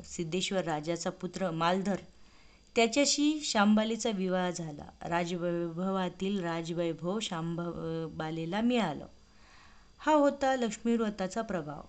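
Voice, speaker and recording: A woman narrating a devotional fasting story in an expressive, measured reading. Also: fairly low pitch.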